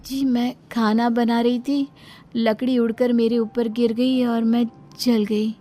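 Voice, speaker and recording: A woman voicing a gentle young daughter-in-law in a cartoon story, polite and pleading. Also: on the high side, little pitch movement, takes it slowly, pitched above the performer's own voice.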